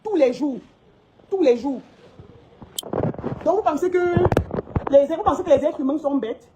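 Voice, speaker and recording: A woman's voice: high-pitched, expressive, a little slow, noisy background. A woman who owns a shop, giving a heated, scolding monologue to her followers and repeating her points indignantly. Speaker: shop owner vlogging.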